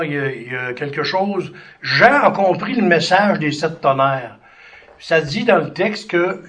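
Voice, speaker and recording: A man's voice: fairly high pitch, a bit bright. A man preaching in a conversational way. He breaks off into fillers and restarts and reads scripture aloud. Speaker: preacher teaching a Bible study. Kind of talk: sermon-style Bible teaching.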